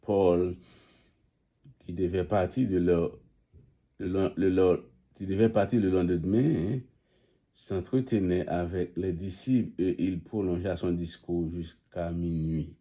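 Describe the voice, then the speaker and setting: A man preaching a sermon, with halting phrasing, pauses and restarts. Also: sits low, fairly even intonation, warm tone.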